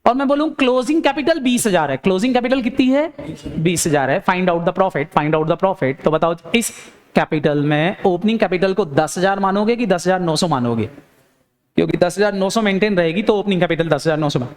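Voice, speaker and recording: A man teaching an accounting class in a lecture style, firing questions at students and answering them himself in a lower voice. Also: animated, a little fast. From India. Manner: urging, repeats phrases for emphasis.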